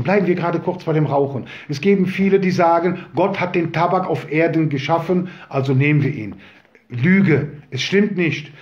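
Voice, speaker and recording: A man's voice: fairly high pitch, darkish tone, lo-fi sound. A man preaching an earnest sermon, his voice rising when he quotes scripture.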